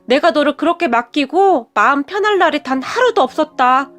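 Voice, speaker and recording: A woman's voice: high voice, animated, a bit bright, faint music behind. A woman doing a pleading, destitute birth mother. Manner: pleading, slow and drawn out.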